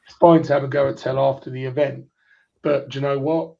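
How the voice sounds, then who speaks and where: Chatting about football in a rambling way, the man in his forties keeps restarting what he's saying on a clipped phone line. His medium-pitched voice is flat, a little fast, with vocal fry.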